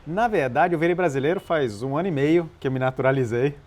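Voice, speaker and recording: A Chilean-born man, founder of a nonprofit, appears as an interview guest and tells his story in a relaxed, conversational way. He explains things at a measured pace with occasional hesitations, his voice slightly high and a little mellow.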